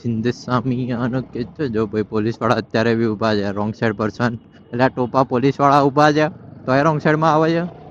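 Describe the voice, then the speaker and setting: A man's voice: mid-range voice, steady tone, fairly quick. A man giving casual running commentary while riding through city traffic, scolding wrong-side drivers and slipping into Hindi phrases. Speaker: vlogger riding a motorbike. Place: on a motorbike in city traffic outdoors. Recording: dull lo-fi audio with faint traffic noise.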